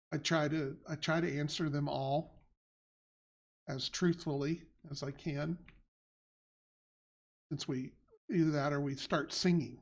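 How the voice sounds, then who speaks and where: Rambling man hosting a casual live show. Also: fairly high pitch. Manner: rambling, lots of restarts and fillers. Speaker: game company head and show host. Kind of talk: casual livestream chat.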